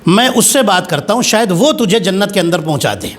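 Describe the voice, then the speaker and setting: A man's voice: high voice, expressive. A man preacher voicing a vain male peacock who frets about losing his beauty. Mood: worried.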